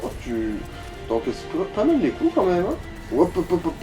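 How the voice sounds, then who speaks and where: Guiding a player through a video game, a man chats in a casual, colloquial way and swears now and then. His high voice swings hugely in pitch at a moderate pace, with music in the background and a rough recording.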